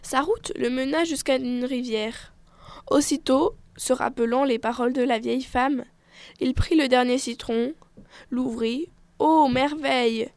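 A woman tells a fairy tale with expressive, measured pacing. Her voice sits high and bright in pitch, and the recording is dry and close with no room sound. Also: no room sound. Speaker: storyteller.

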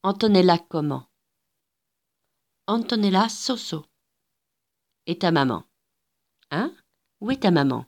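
A woman's voice: lowish voice, expressive, slow, long pauses, darkish tone, heavily acted. Woman reader doing a cold, falsely sweet charity lady. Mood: suspicious. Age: 50s. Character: cold charity lady around fifty, suspicious.

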